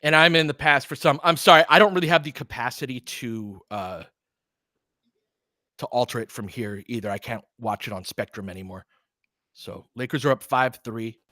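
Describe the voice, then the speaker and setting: This play-by-play host runs a casual basketball fan livestream, describing the action in brief clipped bursts and drifting into chatty side comments. His mid-range voice sounds pushed and bright at a moderate pace, captured in studio quality with no echo.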